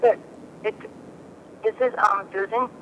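A woman calling in to a radio show over the phone, speaking haltingly and sounding stressed. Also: medium pitch, steady tone, in a large hall, slight background noise. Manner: hesitant, halting, many fillers. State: stressed, going through a hard time. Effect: heard over a phone line on a call-in show.

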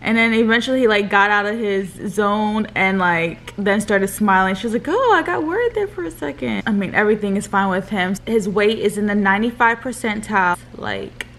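A woman's voice: medium pitch, steady tone, normal speed, hardly any pauses, a bit bright, a little hiss or hum. Chatty young woman vlogging. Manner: chatty, leans on "like" as filler. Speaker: vlogger and new mother. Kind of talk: casual vlog chat. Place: pediatric clinic exam room.

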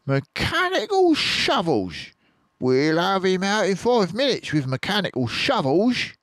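A cruel, bossy farmer barks his orders in a high, strained shout. An older man does the voice for a read-aloud storybook. He is angry and hard of hearing. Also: wildly swooping pitch, measured pace, dry recording, heavily acted. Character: mean, deaf, bossy tall farmer.

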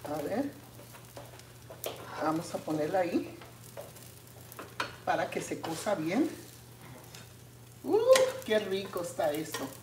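A middle-aged woman, chatting casually with her viewers as she cooks in her home kitchen, often drifting into soft asides. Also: lowish voice, animated, slow, pauses often, noisy background. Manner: chatty, addresses viewers as friends, often trails into quiet asides. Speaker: cooking channel host. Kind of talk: casual cooking vlog chat. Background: food sizzling in a pan.

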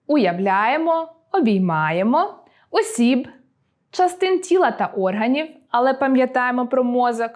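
A woman teacher giving a scripted online lesson with a lively, clear delivery. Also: high-pitched. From Ukraine.

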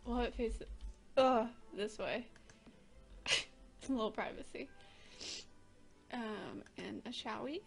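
A woman with the hiccups, chatting excitedly and giggling as she plays a game at her desk microphone. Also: a little high, slow, creaky, pauses often, faint music behind. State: has the hiccups. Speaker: gaming channel host. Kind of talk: casual let's-play commentary. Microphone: desk microphone, leaning in close.

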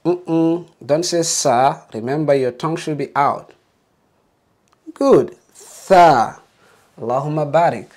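A man's voice: a little high, unhurried, a little mellow. A man teaching a beginner alphabet lesson, patiently modeling letter sounds and encouraging learners to repeat.

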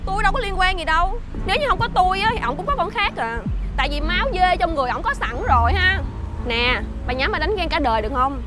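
A woman's voice: very high-pitched, animated, a loud crowd. A woman playing a brazen young mistress who taunts the wife smugly. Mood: taunting. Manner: taunting, smug, drawn-out sentence tags. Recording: music bed behind.

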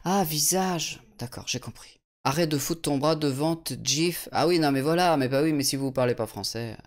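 A man's voice: on the high side, moderate pace. A man from France casually commenting on a video game as he plays, swearing now and then and answering his viewers. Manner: chatty, swearing, reads chat aloud. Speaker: let's play streamer. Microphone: USB studio condenser mic.

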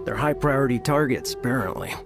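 An actor playing a young patrol soldier in an anime game, musing, casual and resigned. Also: male voice, medium pitch, quick pace, music in the background, natural voice.

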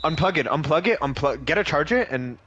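Animated young man talking casual street slang. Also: a little high, brisk, highs cut off. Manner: animated joking, slangy and profane. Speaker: gamer on a YouTube channel.

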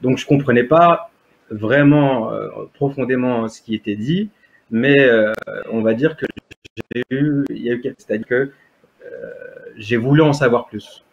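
Speaking at a measured pace with a medium pitch, a native Berber speaker in his thirties gives conversational testimony as a video call interview guest. He hesitates often, with many fillers and restarts. The recording comes from a webcam in a room at home and sounds dull and lo-fi.

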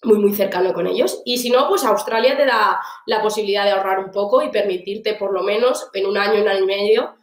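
A woman's voice: medium pitch, brisk, hardly any pauses. A young woman from Argentina, a guest chatting on a video call in an upbeat way, full of fillers and restarts. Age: young adult. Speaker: interview guest. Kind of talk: casual video-call interview. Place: small room indoors. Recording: roomy echo.

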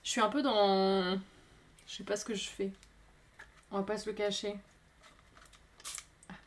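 A woman who works as a potter, chatting excitably on a live stream while she works and apologizing often. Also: mid-range voice, measured pace. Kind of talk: casual live-stream chat.

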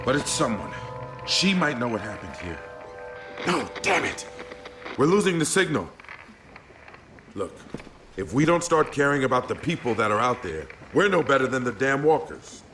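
An actor playing an earnest, worried American boat captain in a dramatic video game about surviving an apocalypse, with an insistent way of talking. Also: male voice, medium pitch, very animated, moderate pace, long pauses, a bit bright, soft background music.

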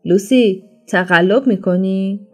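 A woman's voice: fairly low pitch, steady tone, warm tone, faint music behind, natural voice. A woman voicing a brutal male slave overseer who barks harsh threats in a storybook reading. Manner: harsh, menacing, barked threats.

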